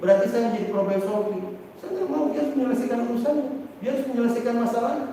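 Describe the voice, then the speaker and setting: A man, an Islamic teacher, giving a lively parenting lecture and acting out parents and children as he talks. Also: very high voice, racing. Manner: animated, acts out parents and children, asks the audience questions. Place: large seminar room. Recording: distant, very echoey hall with faint noise.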